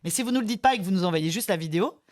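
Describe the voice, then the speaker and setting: A woman talks through a webinar in a chatty, explanatory way and sometimes teases her co-host. Her voice sits at a middle pitch. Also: lively intonation, rapid-fire, a little mellow. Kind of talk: casual webinar chat.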